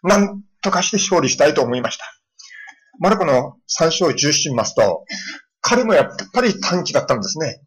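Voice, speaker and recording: Middle-aged man, pastor giving a storytelling sermon, husky tone, animated delivery. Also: fairly high pitch, normal speed, poor audio. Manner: storytelling with lively voiced quotes of children.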